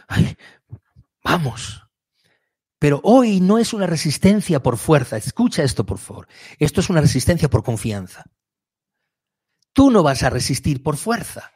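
A man delivers a fiery sermon. His voice sits a little high and sounds husky, and he keeps swelling into emphatic, near-shouted peaks. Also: sing-song, normal speed. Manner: impassioned, rises to high emphatic outbursts. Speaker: preacher.

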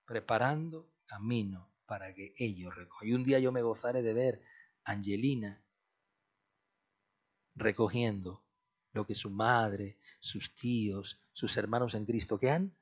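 Passionate Spanish pastor preaching. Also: male voice, a little slow, husky. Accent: Spain Spanish. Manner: passionate, swings from loud outbursts to soft low phrases. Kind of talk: sermon. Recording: dull lo-fi recording.

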